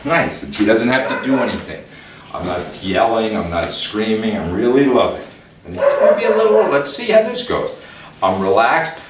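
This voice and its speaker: A man working as a dog trainer, calmly explaining a hands-on demonstration and giving short commands to dogs. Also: fairly low pitch, moderate pace. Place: room in a house. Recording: echoey room, mic far off, background noise.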